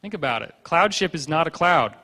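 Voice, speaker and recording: A man giving a joking, animated conference lecture over slides, tossing in quick voiced asides. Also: a little high. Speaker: conference speaker. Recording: long hall reverb.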